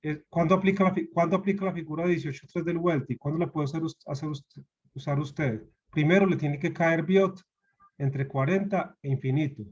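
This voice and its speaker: A man with a Colombian Spanish accent lectures a university class online, repeating key points and asking students to answer. His voice is husky, and the video-call audio sounds dull and lo-fi. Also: fairly high pitch, moderate pace. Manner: explains patiently, repeats key points, asks students questions.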